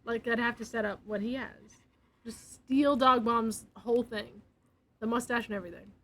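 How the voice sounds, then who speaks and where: A woman's voice: on the high side, steady tone, moderate pace, a bit bright, rough recording. A young woman streaming, chatting casually and giggly, sometimes dropping to a near whisper. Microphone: desk mic.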